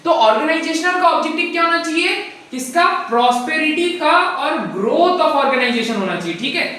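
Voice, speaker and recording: A man teaching a recorded lesson from handwritten notes. He talks fast, says so himself, mixes in English, slows down to read definitions, and keeps checking in with the class. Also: very high-pitched, expressive, sharp tone. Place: room with board, writing notes. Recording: very echoey room, voice far from the mic.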